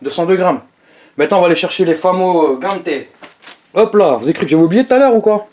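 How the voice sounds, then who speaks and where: A young man chatting casually to his viewers in a fast-food review vlog, slangy and playful. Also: sits high, animated, a little mellow.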